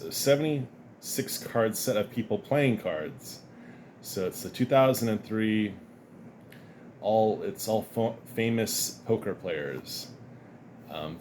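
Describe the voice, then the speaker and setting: There is slight background noise as a man with a fairly low pitch shows off his comics and cards in a casual unboxing chat. This collector vlogger stays relaxed and rambling, chuckling often, with dust leaving him a little sniffly.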